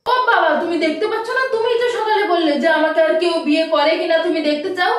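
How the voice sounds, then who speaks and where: A woman's voice: very high-pitched, fast talker. A woman doing a smug teasing husband. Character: stubborn teasing middle-aged husband. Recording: echoey room, distant mic, noisy.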